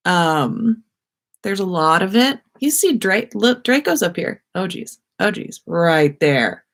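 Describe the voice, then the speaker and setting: A woman's voice: medium pitch, very animated, takes it slowly. A woman hosting a livestream from her bedroom, chatting eagerly and restarting her sentences. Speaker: podcast host. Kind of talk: casual livestream chat.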